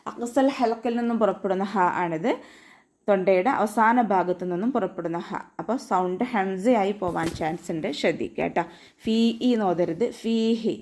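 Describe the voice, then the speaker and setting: A woman with a Malayali accent teaching Quran recitation in an online class, explaining each letter patiently and chanting example verses slowly. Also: medium pitch, a little mellow. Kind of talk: online tajweed lesson.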